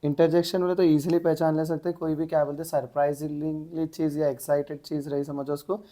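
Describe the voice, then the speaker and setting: A man's voice: fairly high pitch, level tone, fast, mellow. Man teaching grammar in a question-answer drill. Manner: asks the class questions and answers them himself. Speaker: English grammar tutor. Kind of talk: exam-prep grammar lesson.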